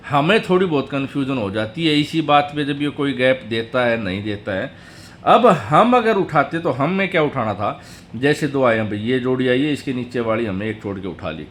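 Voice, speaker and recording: In a tutorial video, a male host walks slowly through number patterns, chatting with viewers and calling them brother and friends. His voice is medium-pitched, with a little hiss or hum in the background.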